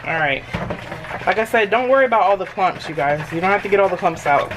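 A chatty home cooking vlogger talks fast and animatedly in a medium-pitched voice, walking her viewers through each step in an easygoing, reassuring way. A camera mic across the kitchen captures her, and clinking cutlery and dishes make the background noisy.

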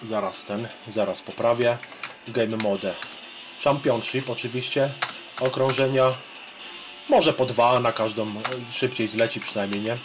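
Polish male vlogger, 30s, average pitch, informal rambling chat and game commentary, recorded at home. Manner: colloquial, rambling. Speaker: retro gaming vlogger. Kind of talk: casual chat and gameplay commentary. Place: small home room with shelves.

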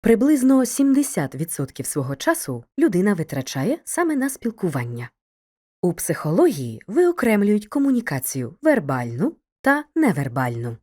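A woman narrating a scripted educational video lesson, speaking to the student in a clear, measured way. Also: mid-range voice, huge pitch swings, dark tone.

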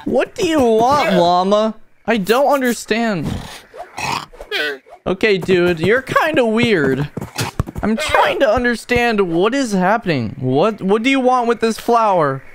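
In an amateur cartoon fan dub, a woman with a fairly high voice plays an excitable orange stick figure hunting for lost friends, full of casual, youthful slang and exclamations, over a noisy background.

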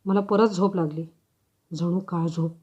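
A woman voicing a frightened, guilt-stricken young mother confessing in halting words, on a slightly dull recording. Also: fairly low pitch, steady tone, darkish tone, breathy edge.

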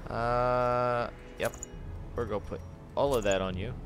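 A man giving casual gameplay commentary, reading item text aloud and thinking out loud as he sorts his party. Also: mid-range voice, fairly even intonation, a little slow, a little hiss or hum. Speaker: gaming channel host.

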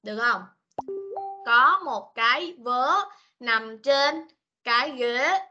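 Bright high-voiced woman teaching kids online. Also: animated, dull audio, a little hiss or hum. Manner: patient, coaxing, switches between Vietnamese and slow English. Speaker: English teacher. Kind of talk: online class for young children. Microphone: video call.

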